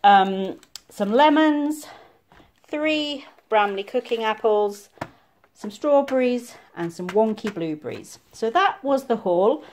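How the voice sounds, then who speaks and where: In her home kitchen, a middle-aged American vlogger chats casually about the products in her grocery haul, rambling with lots of ums. Her voice is a little high, expressive and darkish, and she takes it slowly.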